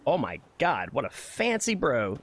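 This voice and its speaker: A man's voice: medium pitch, huge pitch swings, unhurried, a bit bright. A man streaming a video game, joking, swearing and reading game text aloud. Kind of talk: gaming livestream commentary. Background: faint game music.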